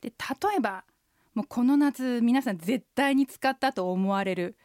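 High-voiced woman teaching pronunciation. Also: darkish tone, dry recording, studio quality. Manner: slow, careful explanations of pronunciation. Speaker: Chinese language instructor and co-host. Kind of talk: radio language lesson. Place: radio studio.

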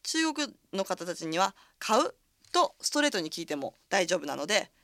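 A woman's voice: lowish voice, big pitch swings, normal speed, fairly bright tone, dry recording, studio quality. A woman teaching Chinese pronunciation on a radio lesson, explaining each phrase step by step.

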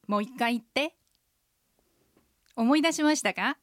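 A woman in her forties hosting a radio language lesson, explaining pronunciation slowly and carefully. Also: a little high, fairly bright tone, no echo, clean studio sound.

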